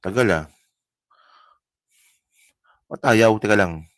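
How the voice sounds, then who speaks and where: A man's voice: on the low side, takes it slowly, fairly bright tone, no room sound. A man giving mocking reaction commentary on news clips, heated and insulting, rambling with restarts and speaking straight to his viewers. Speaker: political commentary vlogger.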